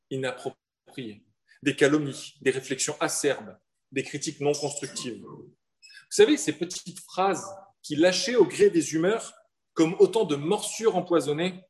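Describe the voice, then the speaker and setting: A man from southern France preaching a sermon in an earnest manner, with rhetorical questions and slowed-down emphasis. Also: mid-range voice. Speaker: pastor.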